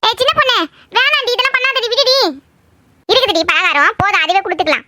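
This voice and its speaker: A woman's voice: very high voice, animated, quick pace, bright, forceful tone, no echo, clean studio sound, exaggerated voice. A woman voicing a sneaky young woman in a cartoon, sly and whiny. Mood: pleading. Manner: sly, whiny when caught.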